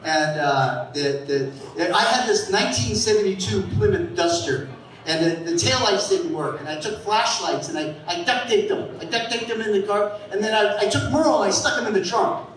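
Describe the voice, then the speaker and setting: A man in his fifties from the San Francisco Bay Area doing a rambling stand-up set on a comedy club stage, breaking into loud shouted voices for the people in his stories. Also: sits high, moderate pace. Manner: rambling storytelling with bursts of shouted character voices. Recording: echoey club sound from a distant mic.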